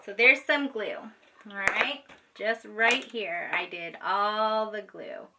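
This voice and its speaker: A woman special education teacher gives children informal, patient, step-by-step craft instructions, checking in often as she goes. Her mid-range voice is creaky and she takes it slowly. There's background noise, and the microphone is distant.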